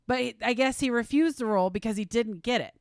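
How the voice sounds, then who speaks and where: A woman co-hosting a casual movie podcast, chatty and animated, swearing now and then, with the hiccups. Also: a little high, brisk, no echo, clean studio sound. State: has the hiccups. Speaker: podcast co-host.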